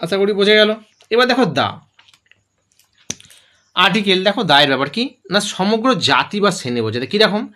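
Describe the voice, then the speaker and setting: A male teacher walks through grammar rules step by step. His voice sits high and rises and falls with lively emphasis. He keeps asking his own questions and answering them. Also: brisk, pauses often. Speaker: English teacher.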